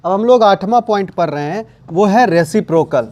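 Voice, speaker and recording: A man teaching English grammar in a classroom lesson, slowly explaining, repeating key words and asking and answering his own questions. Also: high-pitched, animated, darkish tone, a little hiss or hum. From India.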